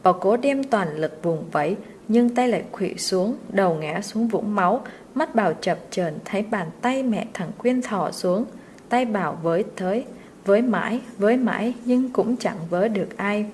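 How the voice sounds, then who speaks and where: A woman reading a short story aloud, steady and expressive, at a mid-range pitch. A faint hiss sits under the voice. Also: normal speed.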